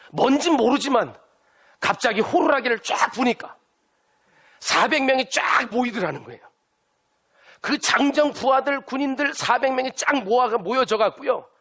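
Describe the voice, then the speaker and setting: A man's voice: a little high, gravelly, breathy edge, exaggerated voice. A male preacher voicing a frightened servant messenger bringing urgent, alarming news.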